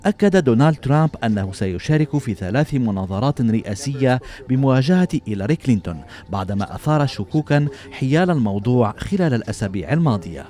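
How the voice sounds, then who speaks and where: A man's voice: medium pitch, mellow. A man reading a scripted television news report as its narrator.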